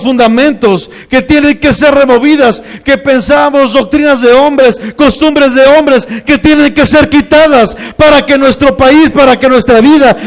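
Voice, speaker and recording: A man with a Mexican Spanish accent preaching a sermon as pastor, emphatic, with rhetorical questions and repeated exhortations. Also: extremely high pitch.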